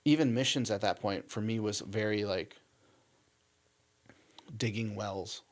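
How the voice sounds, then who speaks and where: A young man, a missionary guest, telling his story in a casual interview, animated and full of "like" and "um". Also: lowish voice, measured pace. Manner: animated storyteller, acts out quotes, frequent "like" and "um".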